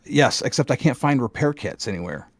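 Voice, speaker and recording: A middle-aged man chats as co-host of a gaming podcast. He sounds animated, laughs easily and keeps restarting sentences. His voice sits at an ordinary pitch, and the recording is dry and close. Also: brisk, slightly rough, no room sound. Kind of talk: casual gaming chat.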